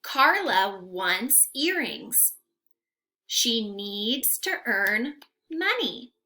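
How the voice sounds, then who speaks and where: A young adult woman, teaching little children by reading aloud at home, sounds high, animated and sing-song. She speaks extremely slowly, enunciating carefully and asking her young listeners questions throughout the interactive lesson.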